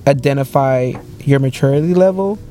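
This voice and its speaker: A man's voice: mid-range voice, fairly quick, dark tone, faint music behind. A man in his mid-twenties in a casual podcast chat, rambling with lots of filler words. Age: 20s.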